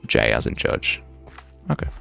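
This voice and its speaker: At a measured pace and with a slightly bright tone, a twenty-something man streams a game with faint music in the background. His livestream talk is casual and off the cuff, wandering between tangents as he thinks aloud.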